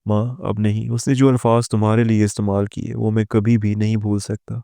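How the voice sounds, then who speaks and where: A man voicing a weary, torn young husband in a spoken moral story, in a low even tone. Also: gravelly, no echo, studio quality.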